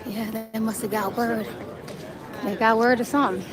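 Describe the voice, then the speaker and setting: A woman's voice: on the high side, steady tone. A woman livestreaming casually as she walks, chatting and laughing with viewers, at times out of breath from hurrying. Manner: chatty, laughing, walks fast and runs while talking. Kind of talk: casual live-stream vlog. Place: outdoors on a busy city street. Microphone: phone camera held in hand. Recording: crowded street, some far-off pickup. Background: crowd chatter.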